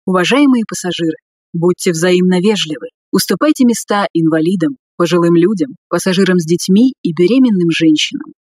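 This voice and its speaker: A woman reading scripted subway announcements in a formal, measured way. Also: on the low side, darkish tone, husky, dry recording, studio quality.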